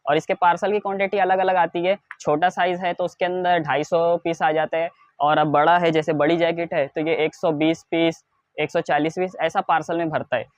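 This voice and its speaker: Indian salesman's insistent pitch, dull dry sound. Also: little pitch movement, normal speed, no room sound. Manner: repetitive, insistent sales pitch stressing low prices. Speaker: wholesale clothing seller presenting stock. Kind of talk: product showcase sales talk to camera.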